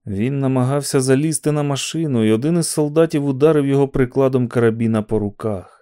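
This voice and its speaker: A man narrating an audiobook in a steady, dramatic storytelling manner. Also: medium pitch, quick pace, clean tone. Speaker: audiobook reader.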